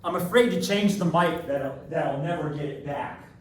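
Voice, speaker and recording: Teaching a live online math class, a man with a fairly high voice speaks at normal speed and repeats every instruction. He's across the room from the built-in camera mic, so he sounds like he's in an echoing tunnel, with faint noise in a very echoey space.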